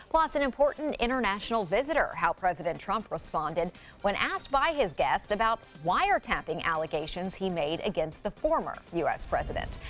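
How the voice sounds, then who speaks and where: A woman's voice: lowish voice, a bit bright. A woman reading scripted local news as an anchor, in a formal broadcast style.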